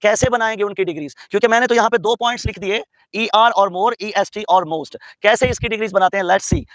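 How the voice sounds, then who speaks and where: Man from pakistan teaching grammar, high voice, slow and careful, asks then answers himself, dry close sound. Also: a bit bright, no room sound, low-quality recording. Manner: asks students questions and answers them himself; says English terms slowly and carefully. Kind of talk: classroom lecture mixing English and Urdu.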